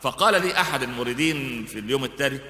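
A man's voice: mid-range voice, very fast. A man preaching a religious lesson, telling stories with many fillers and restarts. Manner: lively storyteller with frequent fillers and restarts. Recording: echoey hall with long reverb.

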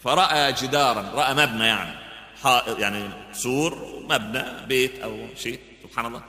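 A man's voice: medium pitch, brisk. A man preaching a religious lesson, telling stories with many fillers and restarts. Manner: lively storyteller with frequent fillers and restarts. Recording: echoey hall with long reverb.

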